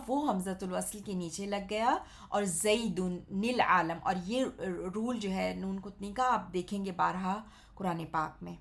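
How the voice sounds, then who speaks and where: A woman teaching an Arabic grammar lesson, explaining patiently step by step and checking in often with her listeners. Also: mid-range voice.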